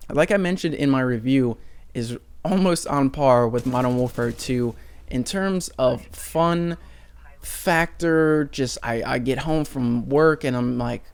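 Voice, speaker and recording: A man's voice: medium pitch, slow, vocal fry, clear, resonant tone. A man giving casual, rambling, self-mocking commentary over his own gameplay footage. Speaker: gaming commentator.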